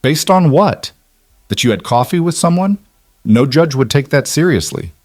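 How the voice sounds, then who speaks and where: A man voicing a calm, firm, successful woman in an audiobook, speaking steadily. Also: fairly high pitch, moderate pace, no echo, clean studio sound, voice pushed up, lightly acted. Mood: steady. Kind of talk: scripted audiobook narration.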